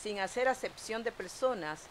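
Young female lay reader, measured prayer reading, lectern mic, light hiss underneath. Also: a little high, lively intonation. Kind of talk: reading intercessions. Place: small chapel, indoors. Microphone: stand mic at a lectern.

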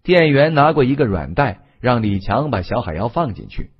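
A man reading a fantasy audiobook in scripted narration with an expressive, dramatic delivery. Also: medium pitch, normal speed, slightly rough, lo-fi sound.

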